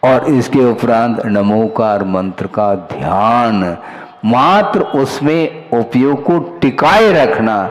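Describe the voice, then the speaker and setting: A middle-aged man, a Jain monk, delivering a measured sermon and voicing the listeners' questions himself. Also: mid-range voice, expressive.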